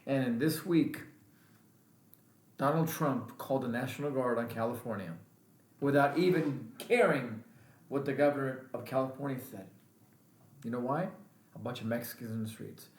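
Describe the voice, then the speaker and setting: A man's voice: mid-range voice, moderate pace, pauses often. A male veteran vlogger giving an angry, emphatic political rant and repeating his points. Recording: roomy echo.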